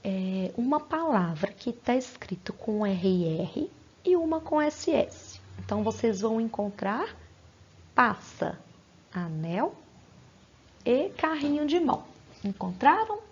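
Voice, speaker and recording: A woman teaches young children in a recorded lesson, breaking words into syllables with slow, patient care. Her voice sits a little high with a husky edge. The recording sounds dull and lo-fi, like a home setup. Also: big pitch swings, darkish tone.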